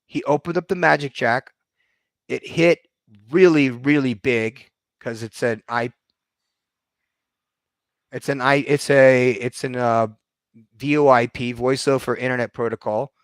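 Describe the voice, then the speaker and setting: A man's voice: medium pitch, fairly even intonation, a little slow, pauses often, dry recording, studio quality. A middle-aged man telling a long story in a casual, rambling monologue, swearing freely and leaning on fillers. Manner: rambling, profane, conversational; frequent fillers like "you know what I mean". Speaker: storyteller vlogger.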